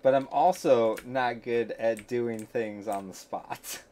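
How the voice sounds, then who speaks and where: Casting: mid-pitched man, casual podcast chatter, laughing a lot, faint background hiss. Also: slow, mellow. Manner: laughs often, self-deprecating. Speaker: podcast co-host.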